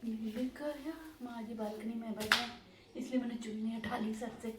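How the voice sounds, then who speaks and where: A woman's voice: on the high side, little pitch movement, normal speed, far from the mic, heavy background noise. Woman chatting from across an echoey room. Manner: chatty, relays family talk to viewers. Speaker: home vlogger. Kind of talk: casual home vlog narration.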